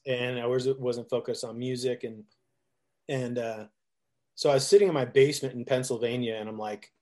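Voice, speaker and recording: A man's voice: mid-range voice, steady tone, normal speed, dark tone. Laughing, rambling middle-aged male musician. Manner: rambling, laughs often, restarts, acts out quotes. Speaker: musician guest. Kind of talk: casual storytelling interview.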